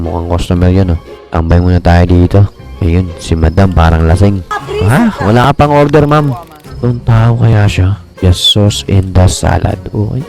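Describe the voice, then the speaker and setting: Excitable Filipino man narrating gameplay. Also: sits low. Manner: excitable, talks to viewers as "mga pre". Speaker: gaming streamer. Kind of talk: casual gameplay commentary.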